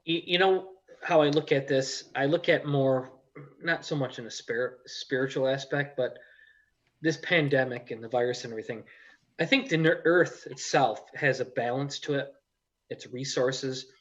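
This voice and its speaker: Regular guy hosting, middle pitch, kinda dull lofi audio, explains stuff casually and plainly. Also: moderate pace. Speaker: event organizer and show host. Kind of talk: casual chat.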